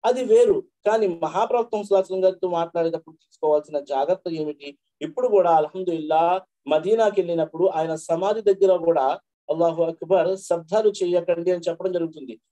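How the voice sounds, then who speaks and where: A man preaching a sermon, chanting verses slowly and then explaining them in a quick conversational flow. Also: sits high, mellow. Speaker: Islamic preacher.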